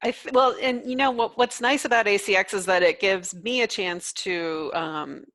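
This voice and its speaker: A woman author talking casually on a video call, thoughtful and unhurried with fillers. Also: mid-range voice, a bit bright, no echo.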